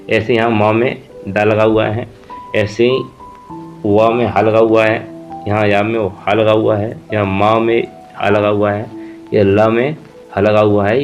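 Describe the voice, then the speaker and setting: A man teaching a Hindi spelling lesson, explaining rules step by step and spelling out letters while he writes examples. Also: on the low side. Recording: dull lo-fi audio with faint music.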